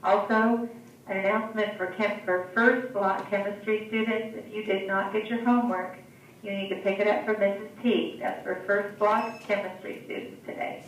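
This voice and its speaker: A woman reads school announcements over the intercom, brisk and businesslike, repeating key details. Her voice comes from a loudspeaker across a classroom, heavily echoed and distant, with faint room noise around it. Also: mid-range voice, steady tone.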